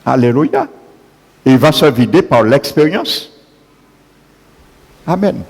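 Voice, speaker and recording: A man's voice: medium pitch, sing-song, takes it slowly, darkish tone, slightly rough. A man preaching a sermon, punctuating his points with repeated calls of alleluia. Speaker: pastor. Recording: long hall reverb.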